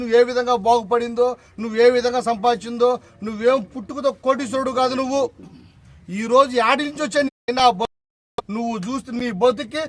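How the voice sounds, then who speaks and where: A man, a local party leader giving a heated, confrontational press conference statement and repeatedly shouting insults. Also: very high voice.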